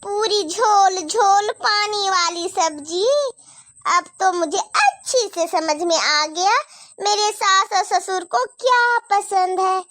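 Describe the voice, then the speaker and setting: A lazy, cheeky young daughter-in-law, voiced by a woman, answers back with teasing sarcasm. Her cartoon voice is very high and bright, in a dry, close recording. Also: dry recording, exaggerated voice.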